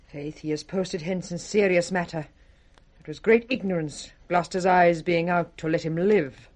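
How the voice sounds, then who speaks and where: In a 1960s radio Shakespeare production, an actress with a British accent plays a cold, jealous, scheming noblewoman who is commanding and insinuating. Her lowish voice is a little mellow and close to everyday speech, with fairly even intonation at normal speed, and her mood is one of cool probing.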